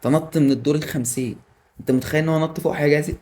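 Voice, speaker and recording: A man with an Egyptian Arabic accent doing excitable live commentary over a football video game, yelling at the players and joking with viewers. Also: on the high side, racing. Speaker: gaming YouTuber.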